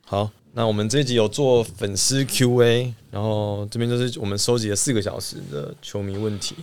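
A man with a Taiwanese Mandarin accent hosting a podcast, briskly asking questions and prompting his guest with short replies. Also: lowish voice, steady tone, darkish tone, smooth. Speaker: podcast host. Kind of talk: casual podcast interviewing.

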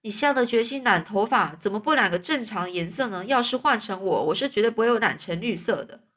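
A woman's voice: medium pitch, lively intonation, a little fast, a bit bright. A woman voicing a strict older woman guardian who scolds and gives clipped orders in a storybook reading. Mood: amused.

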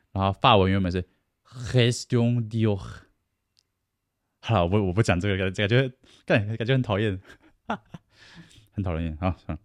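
A man's voice: low voice, no echo. A man giving casual advice, chatty, acting out boastful people and laughing at himself. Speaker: self-help speaker.

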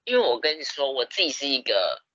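A young man, telling stories in a casual podcast chat, animated and laughing often. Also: medium pitch, fast, no echo, highs cut off. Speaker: podcast co-host.

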